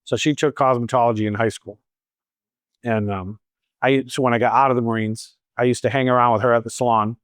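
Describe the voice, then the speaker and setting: A medium-pitched man talks a little fast with fairly even intonation, recorded in studio quality with no echo. He's in his fifties, from Boston with a slight accent, and plays a salon owner taking audience questions and telling stories with wry asides. It's a casual Q&A at a training event.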